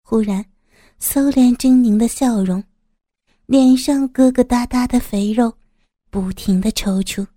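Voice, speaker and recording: A woman calmly narrating a crime story as a storyteller, in an even reading voice. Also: on the high side, measured pace, no echo, clean studio sound.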